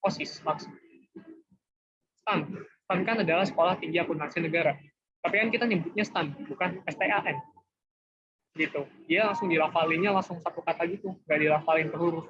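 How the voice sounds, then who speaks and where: Talking fast with a breathy edge, a young male tutor walks students through grammar rules in a loose, informal online lesson, sprinkling in "guys" and "gitu" and keeping things relaxed. His voice is fairly high, and the sound is dull and lo-fi, as if over a video call.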